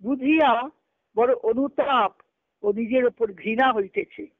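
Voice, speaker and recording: Speaking slowly in a fairly high voice, a woman reads letters aloud on a group conference call and explains them like a teacher, repeating phrases. She leads spiritual discussion. Her voice comes through a tinny, band-limited phone line with no room sound.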